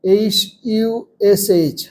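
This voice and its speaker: A man's voice: high voice, takes it slowly, darkish tone. A man teaching young children from a textbook, patiently spelling words out letter by letter. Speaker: primary school teacher.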